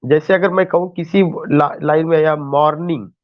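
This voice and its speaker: A man's voice: on the high side, fairly even intonation, normal speed, muffled recording. A male teacher giving an online class lecture, explaining step by step with rhetorical questions and mixing in English terms.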